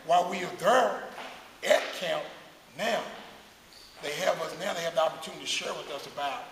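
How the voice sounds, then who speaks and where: A man from West Dallas, giving an earnest, halting talk to an audience. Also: fairly high pitch, creaky, a bit bright. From West Dallas, Texas. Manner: earnest, halting with many uh's and repeats. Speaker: guest speaker. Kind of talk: speaking to an audience. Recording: echoey hall, faint hiss.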